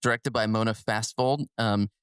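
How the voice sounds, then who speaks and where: A lower-voiced man co-hosting a casual film podcast. He is chatty and quick to laugh, restarting his sentences as he goes. His voice sounds dry and close to the mic. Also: fairly even intonation, a bit bright, clean tone, dry recording. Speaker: podcast co-host.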